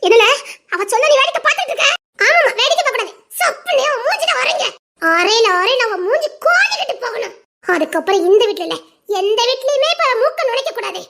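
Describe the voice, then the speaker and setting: A woman with a Tirunelveli accent acting quarrelsome scenes in a family drama, talking loudly with quick retorts. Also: extremely high pitch, very animated. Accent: Tirunelveli Tamil. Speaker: performer of a family comedy drama.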